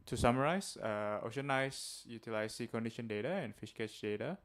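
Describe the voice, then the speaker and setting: Smooth-voiced Indonesian-accented man presenting. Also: medium pitch, fairly quick. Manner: friendly, many filler uhs. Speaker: guest presenter. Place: seminar room.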